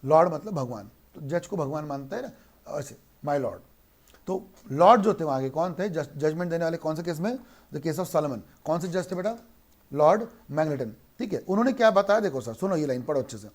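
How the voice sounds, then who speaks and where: A man's voice: a little high, lively intonation. Man teaching law, asking and answering. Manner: asks questions and answers them himself, mixing Hindi and English; slows right down to read English lines aloud. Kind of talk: online lecture.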